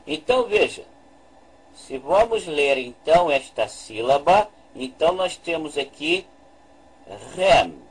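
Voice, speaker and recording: A man with a fairly high, husky voice teaches unhurriedly, leaning on repetition. He walks through each point carefully as he talks over a screen recording. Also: lively intonation, low-quality recording. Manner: slow, deliberate, repeats points with "veja bem". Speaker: religious language teacher. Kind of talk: slow explanatory lesson.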